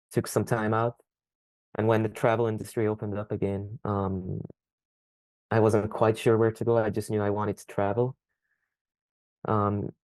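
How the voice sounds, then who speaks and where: A young man answering interview questions thoughtfully, pausing often with ums. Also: lowish voice, darkish tone, dry recording. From Scotland. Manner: thoughtful, hesitant, frequent ums. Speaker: podcast guest.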